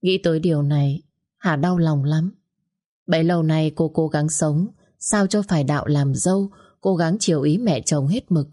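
A woman reading a scripted family story as the narrator, in a steady, even way. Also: low voice, normal speed.

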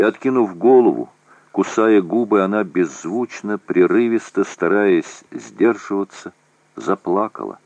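A man giving a measured audiobook reading of a war novel. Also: low voice, darkish tone, dry recording. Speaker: narrator. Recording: dull, dry lo-fi recording.

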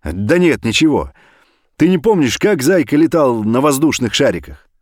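A man voicing a desperate middle-aged father who pleads and shouts down a phone. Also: medium pitch, big pitch swings, moderate pace, no room sound, clean studio sound, voice pushed up. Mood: agitated.

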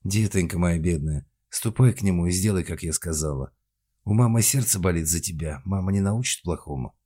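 A man's voice: lively intonation, a little fast, mellow, breathy edge. A man voicing a bossy, scheming older mother who scolds her daughter. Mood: fawning. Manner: shrill scolding, then fawning.

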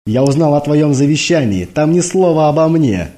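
A man's voice: a little high, animated, moderate pace, warm tone, pitched above the performer's own voice, natural voice. A man doing a brash, chatty army major. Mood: teasing. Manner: rambling, cheeky banter.

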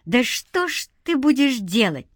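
A woman's voice: high voice, big pitch swings, a little slow, dry recording, clean studio sound, voice pushed up, full character voice. A woman voicing a good-natured, joking young man in an audiobook, in her own voice. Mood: exasperated. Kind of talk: audiobook character voice.

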